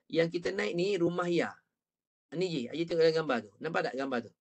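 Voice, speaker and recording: A man's voice: fairly high pitch, fast talker. A man with a Malaysian Malay accent teaching an online Quran reading class, patiently modelling sounds for his student to repeat. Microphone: video call.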